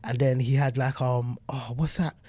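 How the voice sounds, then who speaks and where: A young man from South London with a London accent, telling stories as a guest in casual podcast chat, animated and full of "like". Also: medium pitch, breathy edge, no echo. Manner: fast, chatty, peppered with "like", animated.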